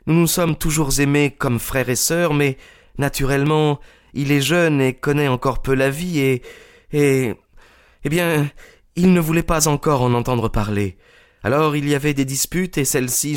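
A man's voice: medium pitch, smooth, voice pushed up, close to an everyday voice. A man voicing an agitated young woman in a storybook reading, pleading urgently in a raised voice. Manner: pleading, breathless insistence.

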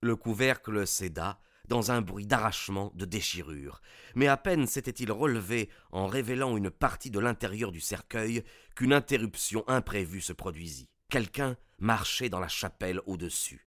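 A man narrating a detective story in a measured, suspenseful reading style. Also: on the low side, fairly bright tone, dry recording, clean studio sound.

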